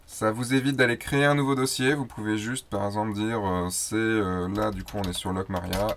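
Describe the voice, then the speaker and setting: Chatty man explaining photo software. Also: fairly low pitch, fairly even intonation, brisk, slight background noise. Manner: chatty, loose, with fillers and self-corrections. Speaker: host of a photo tutorial show. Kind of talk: casual screen-recorded software tutorial.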